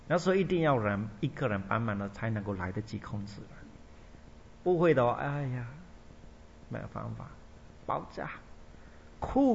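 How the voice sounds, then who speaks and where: A man speaking as a Buddhist monk giving a dharma talk, rambling, repetitive and emphatic in colloquial phrasing. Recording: dull lo-fi recording with faint rumble.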